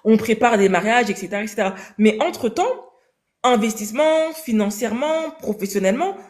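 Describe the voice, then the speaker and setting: Lively slangy young woman telling a story. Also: fairly high pitch, brisk. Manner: animated, slangy, acts out dialogue in quoted voices. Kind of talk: casual storytelling in an interview.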